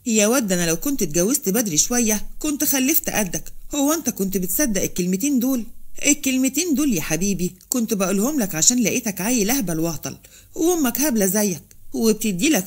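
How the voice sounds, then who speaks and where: A woman's voice: medium pitch, expressive, fast talker, darkish tone, close to an everyday voice. A woman voicing a brazen young woman with an Egyptian accent, taunting and scornful.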